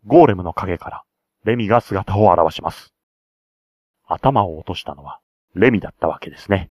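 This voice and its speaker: A man reads out a tabletop role-play scenario as game master, breaking off into eager asides. His low voice is husky and his pitch moves a lot. The recording is close and dry. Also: lively intonation, normal speed, a little mellow, no room sound. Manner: chatty, enthusiastic side remarks.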